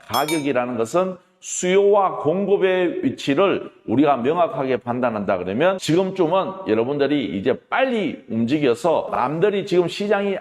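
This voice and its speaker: Fairly high in pitch but darkish in tone, this congested middle-aged real estate auction mentor lectures forcefully, firing off rhetorical questions and capping his points with "that is what I mean". The sound carries a long reverb tail.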